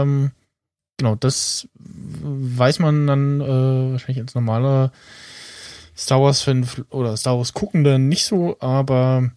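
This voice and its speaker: A man's voice: medium pitch, darkish tone, no room sound, clean studio sound. A man co-hosting a casual podcast, talking hesitantly with many fillers and frequent laughs. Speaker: podcast co-host.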